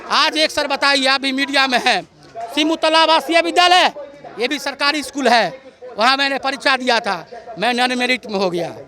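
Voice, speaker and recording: A man's voice: very high voice, bright, forceful tone. A man, a protesting teacher candidate, speaks to reporters outdoors, arguing passionately with rhetorical questions. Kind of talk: street interview.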